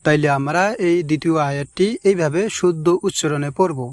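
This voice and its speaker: A man teaching the correct pronunciation of a short Arabic chapter, chanting each word slowly and explaining in calm asides. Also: a little high, no room sound. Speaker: Quran recitation teacher. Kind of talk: slow recitation lesson.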